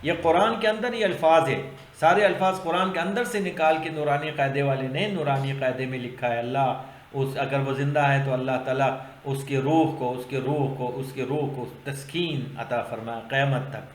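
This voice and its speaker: A male Quran teacher spelling out Arabic letters and vowels for learners, repeating syllables slowly and loudly. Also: reverberant, slight background noise. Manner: slow drawn-out repetition of syllables, loud and high when drilling.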